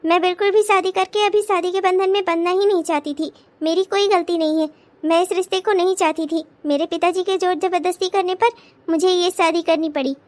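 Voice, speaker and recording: A woman's voice: very high-pitched, fairly even intonation, fairly quick. A woman voicing a headstrong young bride in a cartoon, speaking bluntly and defiantly. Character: headstrong young bride refusing her new marriage. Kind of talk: cartoon voice acting.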